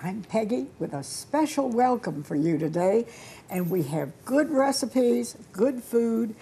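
Older female TV cooking host, encouraging, high and mellow voice, studio kitchen, lapel mic. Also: animated, slight background noise. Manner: chatty, encouraging, quick interjections. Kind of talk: casual cooking show chat.

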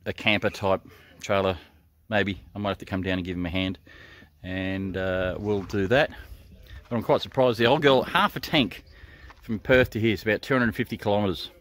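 A man's voice: on the low side, fairly bright tone, no echo. A middle-aged Australian man chatting casually on a road-trip vlog, rambling with lots of ums and restarts, filmed on a handheld camera at arm's length outside in a small town. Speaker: vlogger. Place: outdoors in a small country town street.

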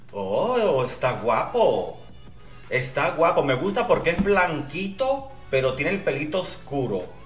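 Campy man gushing in an echoey room. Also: a little high. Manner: flamboyant, gushing, bawdy, with shrieking outbursts. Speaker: drag queen reaction vlogger. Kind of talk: campy reaction commentary. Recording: echoey room, mic at a distance, faint music.

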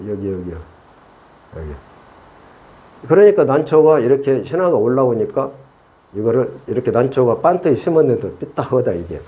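A man's voice: medium pitch, dark tone. A middle-aged man hosting a casual hands-on gardening tutorial, chatty and repeating himself as he thinks aloud. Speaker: orchid-growing channel host.

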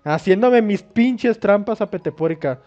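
Young Mexican man, high voice, swearing let's play chatter, dull lo-fi mic, faint game music. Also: animated, moderate pace, darkish tone. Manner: crude, joking, swears a lot. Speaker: gaming YouTuber. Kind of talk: let's play commentary, reading game dialogue aloud.

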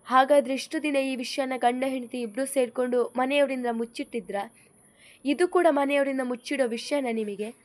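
A woman's voice: high-pitched, fairly even intonation, normal speed, no room sound, close to an everyday voice. A woman voicing a grave, demanding mother-in-law who questions her family in a stern way in an audio story.

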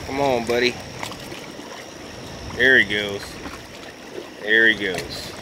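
A man's voice: lowish voice, slow, noisy background. A man talking casually to his viewers while fishing at night on a rocky riverbank, recorded on a handheld phone. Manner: relaxed, chatty, talking to viewers while handling a fish. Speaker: fishing vlogger. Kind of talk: casual vlog narration.

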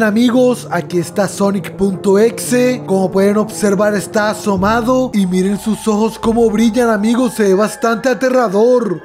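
Man, very high voice, excitable let's-play host, soft music underneath. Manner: excitable, keeps addressing viewers as friends. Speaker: gaming channel host.

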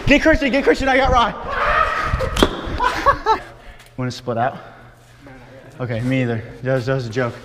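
A young man filming a casual group vlog on an action camera, excitable and laughing, shouting during play in a large warehouse garage. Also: medium pitch, fast, heavy background noise. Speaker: vlogger. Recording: hall reverb, loud clatter.

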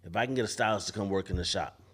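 A forties-aged barber with a lowish voice talks very fast on a podcast, thoughtful but often restarting his sentences. It's a casual panel discussion held indoors in a barbershop event space, picked up by a studio podcast mic on a boom arm.

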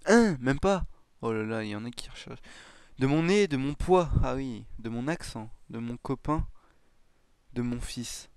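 A man's voice: mid-range voice, expressive, moderate pace, a little mellow, smooth, dry recording. A man giving casual let's-play commentary, thinking aloud with hesitant, self-mocking remarks and frequent chuckles. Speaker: gaming YouTuber.

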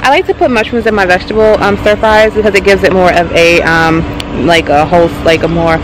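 A woman's voice: lowish voice, fairly even intonation, a little fast, background noise. A young woman chatting casually to her camera in a rambling way with lots of ums and likes, filmed up close in a parking lot. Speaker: vlogger. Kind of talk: casual vlog chat. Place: outdoors in a parking lot by a car. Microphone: handheld camera close to face.

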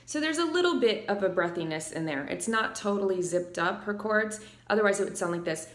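A vocal coach in her thirties gives a singing lesson in a living room with a piano, wearing a lapel mic. Her medium-pitched voice is animated and brisk as she explains technique and breaks into short sung demonstrations. The room adds an echoey sound with faint music.

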